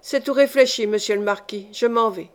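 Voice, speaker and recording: A woman's voice: a little high, a little fast, close to an everyday voice. A woman voicing a devoted young man, an elder brother, who speaks politely but firmly in a storybook reading.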